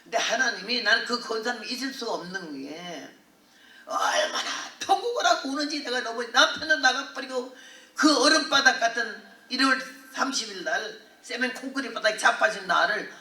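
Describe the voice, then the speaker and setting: An older woman missionary preacher telling a testimony in a revival sermon, earthy and animated with laughter. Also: on the high side, normal speed. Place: large hall at a prayer retreat. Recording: echoey hall, voice from far off.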